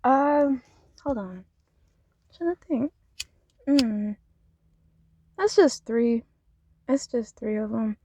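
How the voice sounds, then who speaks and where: A woman's voice: a little high, expressive, extremely slow, pauses often, dark tone, dull audio, slight background noise. A woman vlogging casual life advice from her parked car, rambling with lots of fillers and frequent laughs.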